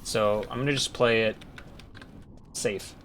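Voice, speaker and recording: A young man with a bright, crisp voice talks casually through a video game run, half to himself. His commentary jumps from low muttering to loud yells. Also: steady tone, slow, slight background noise. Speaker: speedrunner. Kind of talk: live gameplay commentary.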